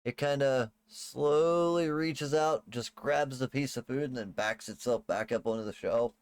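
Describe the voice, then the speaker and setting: A man working as game master, improvising tabletop game narration in a casual, halting way. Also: medium pitch, clear, resonant tone, no echo.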